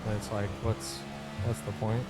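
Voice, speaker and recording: A man's voice: lowish voice, little pitch movement, normal speed, music in the background. A man chatting casually while sim racing, bluntly thinking aloud about his driving with the odd mild swear. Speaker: sim racing driver and streamer. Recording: clear engine noise behind voice. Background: car engine noise.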